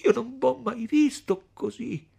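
A man voicing a tearful young woman in a storybook reading, pleading in a high, strained voice. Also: slow, creaky, darkish tone, slightly rough, heavily acted. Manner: pleading, sobbing, high-pitched.

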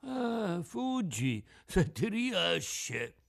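Man voicing a philosophical tuna, high cracked voice, resigned manner, storybook reading. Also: very animated, very slow, vocal fry, exaggerated voice. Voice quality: cracked, out-of-tune voice. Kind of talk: audiobook character voice.

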